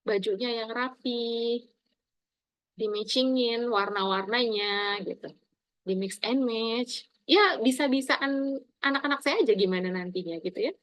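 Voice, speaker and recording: A middle-aged woman lecturer with a fairly high voice teaches her students in an animated, emphatic manner, often stressing words with sharp rises in pitch and loudness. The recording is dry and close, with no room sound. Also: unhurried, dry recording, low-quality recording. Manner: animated, addresses listeners as "Nak", emphatic swings in pitch and loudness.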